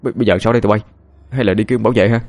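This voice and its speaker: A man's voice: fairly low pitch, a little fast, lightly acted. A man voicing a plump, frightened teenage schoolboy who stammers in panic. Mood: scared.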